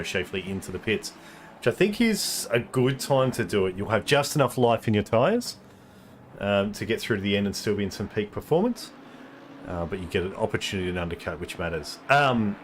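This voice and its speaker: Low-voiced man commentating a sim race. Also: slight background noise. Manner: thinking aloud, explaining tyre details with many ums.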